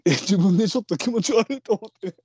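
A man's voice: high voice, fast, darkish tone, slightly rough, no room sound. A man with a Kansai accent, a podcast co-host chatting casually and rambling with many fillers. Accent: Kansai Japanese. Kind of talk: casual chat.

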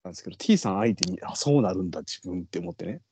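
A man's voice: low-pitched, lively intonation, very fast, darkish tone, a little hiss or hum. A man with a Kansai accent, a podcast co-host chatting casually and rambling with many fillers. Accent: Kansai Japanese. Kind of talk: casual chat.

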